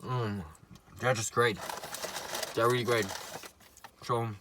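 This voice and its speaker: A man chatting casually to viewers while he eats, pausing and murmuring between remarks. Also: mid-range voice, flat delivery, background noise. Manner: talks while eating, with murmured mms and pauses. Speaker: mukbang vlogger. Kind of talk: casual eating chat to viewers.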